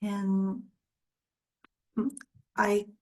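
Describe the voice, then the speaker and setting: A woman poet, native in Spanish and Korean, reads her work in measured short phrases with a deliberate feel, pausing for brief spoken introductions. She speaks in a mid-range monotone.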